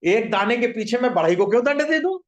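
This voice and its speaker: A man's voice: extremely high pitch, lively intonation, fairly quick. A man doing an irritated army commander. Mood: angry. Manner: angry, dismissive. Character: angry male army commander. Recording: echoey room.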